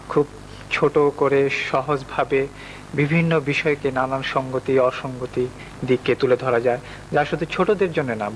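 A man with a Bangladeshi accent explaining himself as a poet guest in a television studio interview. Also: mid-range voice. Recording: noisy old TV studio tape.

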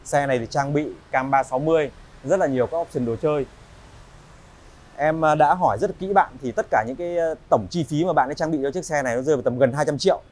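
A slightly mellow-voiced man from Vietnam, in his thirties, leads a walk-around sales pitch inside a big car showroom. He's courteous and conversational, with frequent filler pauses.

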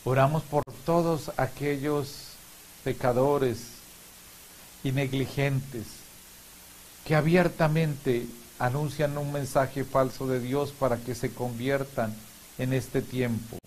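Male priest, 50s, mid-range voice, measured and solemn homily and prayer delivery, hissy recording. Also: medium pitch, steady tone, darkish tone, poor audio. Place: small indoor chapel room. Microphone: lapel mic. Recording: clear background hiss.

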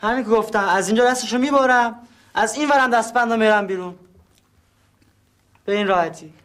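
An actor playing a naive oddball in a sitcom, earnestly offering simple-minded ideas. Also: male voice, high voice, a bit bright. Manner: earnest, simple, matter-of-fact. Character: naive oddball man, guileless, full of silly ideas. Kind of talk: sitcom acting.

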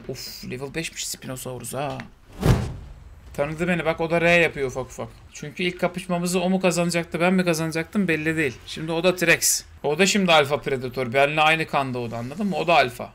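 Excitable high-voiced streamer. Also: male voice, a little hiss or hum. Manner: excitable, swearing, yelling at game creatures. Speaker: gaming streamer. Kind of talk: let's play commentary.

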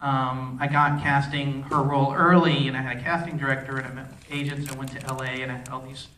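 A film director answering audience questions at a festival Q&A, rambling, restarting sentences and using many fillers. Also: male voice, medium pitch, level tone, fast talker, sharp tone, a little hiss or hum. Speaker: film director at a post-screening Q&A. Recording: echoey hall, voice from far off.

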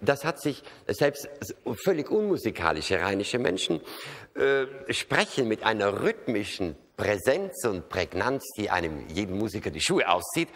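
Rhineland cabaret man, lively up-and-down delivery, live in a big hall with long reverb. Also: on the low side, moderate pace. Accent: Rhineland German. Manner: wry, chatty, lots of tag questions. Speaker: cabaret comedian. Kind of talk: live stage comedy monologue. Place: opera house stage.

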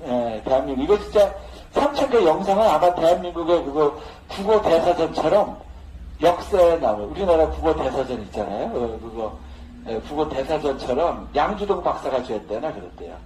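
A man's voice: on the high side, expressive, moderate pace, dark tone. A man teaching a social dance lesson in a casual, joking manner, laughing often as he talks. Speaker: dance instructor. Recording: echoey room with faint noise.

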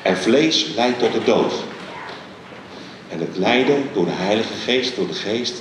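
This sermon comes from a middle-aged guest preacher from the Netherlands, speaking on a church stage with a handheld microphone. He preaches emphatically, with lively rises and falls in pitch and many pauses, while a huge, reverberant hall and a soft hum surround his distantly captured voice.

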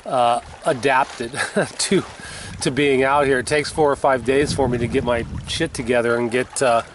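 A man in his fifties vlogging alone from his sailboat at sea, talking in a relaxed, rambling way and often correcting himself. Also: mid-range voice, normal speed. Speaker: solo sailor vlogging. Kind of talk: casual video diary. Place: outdoors on a sailboat cockpit at sea. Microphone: handheld camera at arm's length. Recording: windy outdoor camera audio with sea noise. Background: wind and water noise.

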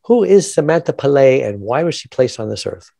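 A man's voice: medium pitch, very animated, fairly quick, vocal fry, dark tone, no room sound, studio quality. A man hosting a radio-style podcast interview, talking in a chatty, upbeat promo patter. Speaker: podcast host.

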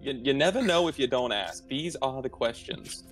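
A man's voice: medium pitch, lively intonation, normal speed, a bit bright, faint music behind, low-quality recording. A man bantering casually as a player in a tabletop fantasy game.

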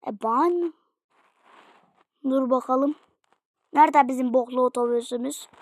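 A woman casually commenting on her own gameplay, excitable and slangy, often yelling at what happens on screen. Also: high-pitched, measured pace. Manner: excitable, slangy, yells at the game. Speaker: gaming channel host.

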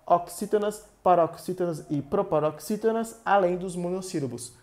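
A woman with a Brazilian Portuguese accent teaching a short, didactic online grammar lesson and slowly drawing out the syllables of example words. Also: lowish voice, darkish tone.

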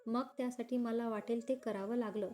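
A woman voicing a possessive, insistent young man in a read-aloud romance story, forceful and pleading. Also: very high-pitched, fairly even intonation, moderate pace.

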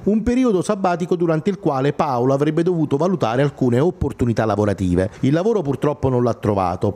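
Male news reporter, mid-range mellow voice, scripted voice-over. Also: medium pitch.

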